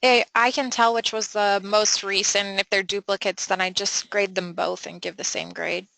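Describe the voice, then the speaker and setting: Bright-voiced, creaky woman instructor. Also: medium pitch, level tone, normal speed, low-quality recording. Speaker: instructor of an online class. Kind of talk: casual online teaching.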